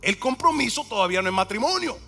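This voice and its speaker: Animated, bright-voiced preaching pastor. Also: male voice, sits high, quick pace, creaky, faint music behind. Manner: emphatic preaching, repeats key words, asks the congregation questions. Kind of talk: sermon.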